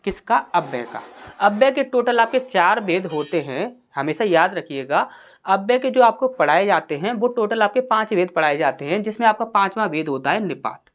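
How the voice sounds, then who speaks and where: In a grammar class aimed at exam preparation, a woman poses questions she answers on her own and reads example sentences with slow deliberation. She speaks in an animated, mid-range voice.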